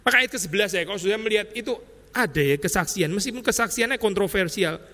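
Male pastor preaching, chatty style, bright sharp voice, big echoey hall. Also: sits high, lively intonation, quick pace. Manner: conversational preaching, tag words like "ya" and "saya"; mixes English terms into his preaching. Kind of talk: expository sermon.

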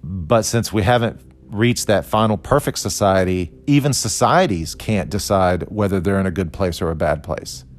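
Low-voiced man in his forties lecturing. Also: normal speed. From Costa Rica. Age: 40s. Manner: thoughtful, conversational, with fillers and restarts. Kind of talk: explanatory lecture on philosophy.

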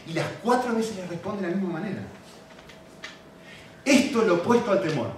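A man's voice: high-pitched, lively intonation, a little fast. Argentine male preacher, conversational questioning delivery; distant mic in a very reverberant hall. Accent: Argentine Spanish. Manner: conversational, asks the audience questions. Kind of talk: expository sermon. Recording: echoey hall, mic from afar, faint hiss.

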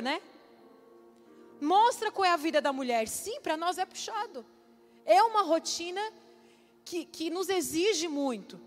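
High-voiced woman in her forties, chatty women's church speaker, hall echo with soft music under her. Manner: lively, chatty, acts out quotes. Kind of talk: sermon to a women's church audience.

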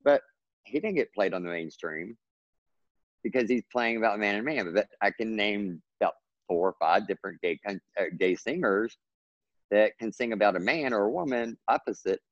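Speaking at an ordinary pace, a Texas-accented writer from Texas talks earnestly and at length as an interview guest in a casual chat, his pitch going up when he gets excited. The audio is lo-fi, without echo.

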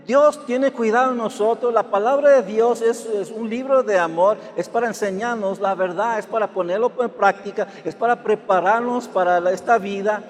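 A man's voice: sits high, moderate pace, hardly any pauses. A man preaching a sermon as pastor, peppering every phrase with "amen" and "brothers", stumbling and restarting, and now and then acting out whiny complaints. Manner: repeats amen and hermanos constantly, with restarts; acts out whiny complaints in a raised voice. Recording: long hall reverb.

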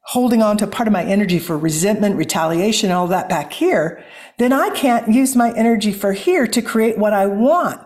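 A woman's voice: mid-range voice, expressive, normal speed, darkish tone. A woman from Missouri with a Midwestern American accent, a guest and author speaking earnestly and reflectively in a conversational interview. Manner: earnest, flowing, spiritual.

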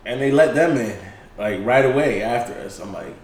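A man's voice: medium pitch, fairly quick, a crowd in the background. A man co-hosting a casual podcast chat, talking bluntly with heated remarks and swearing. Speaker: podcast co-host. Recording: roomy echo.

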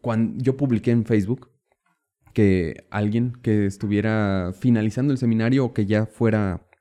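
Man, podcast host, warm voice, hesitant, lots of fillers. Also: on the low side, normal speed. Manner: hesitant, many fillers, friendly. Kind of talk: casual interview chat.

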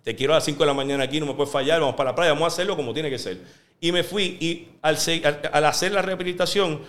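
A man from Puerto Rico, a sports journalist guest, telling lively career anecdotes in a casual interview. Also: fairly high pitch, fast. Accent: neutral Spanish.

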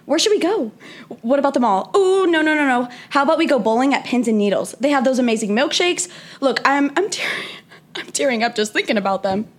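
Young woman as a high-voiced, bold teenage girl. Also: expressive, brisk. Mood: excited.

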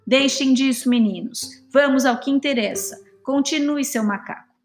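A woman reading a storybook voices a wise, motherly cicada who explains things calmly and gently. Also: sits high, normal speed, lightly acted.

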